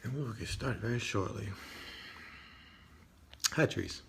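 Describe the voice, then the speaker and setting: Casual low-voiced man streaming live. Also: lively intonation, measured pace, gravelly, fairly bright tone, a little hiss or hum. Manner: conversational, often tags lines with "right?". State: morning voice.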